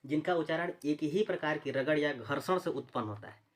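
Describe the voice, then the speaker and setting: Speaking briskly in a slightly high register, this man runs an exam-oriented Hindi phonetics class with a Chhattisgarhi Hindi accent. He goes over terms repeatedly and quizzes the viewer, then supplies the answers.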